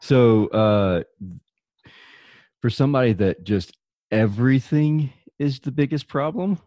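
A man with a Deep South American accent hosting a casual interview in an informal, joking, rambling way. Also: takes it slowly, mellow, no room sound, clean studio sound. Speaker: podcast host, interviewer.

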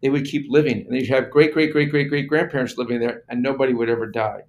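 Male interview guest, average pitch, expert explainer, plain step-by-step delivery with emphatic repeats. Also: steady tone, fast.

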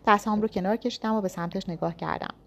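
A woman's voice: mid-range voice, steady tone, a bit bright. A woman reading a first-person thriller story aloud with tense, dramatic storytelling. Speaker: narrator.

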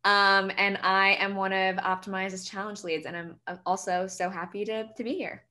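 A woman's voice: medium pitch, flat delivery, moderate pace, pushed and bright. A young woman from Michigan, a student panelist, introducing herself in a friendly, casual way. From Northville, Michigan, USA. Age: young adult.

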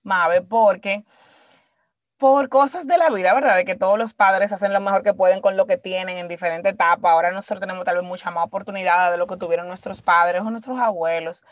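A woman's voice: mid-range voice, brisk, dry recording, studio quality. A woman with a Dominican Spanish accent in casual conversation, reflective and emphatic, slipping English words into her Spanish and checking for agreement. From Dominican Republic. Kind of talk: casual conversational interview, personal storytelling.

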